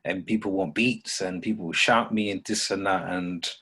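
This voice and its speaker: A man's voice: low voice, fairly even intonation, moderate pace, bright, forceful tone, slightly rough. A man talking casually about music, opinionated and full of slang. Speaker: radio station operator on a podcast.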